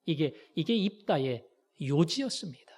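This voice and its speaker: A male pastor preaching a sermon with great passion, acting out quoted voices and swinging from soft, low asides to loud, rising cries. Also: animated, moderate pace. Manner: impassioned, acts out quoted voices with sharp swings in pitch and loudness.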